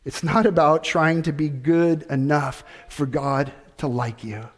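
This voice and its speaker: A middle-aged man preaching a sermon, measured and deliberate, repeating key phrases and asking rhetorical questions. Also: a little high, steady tone. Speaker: pastor.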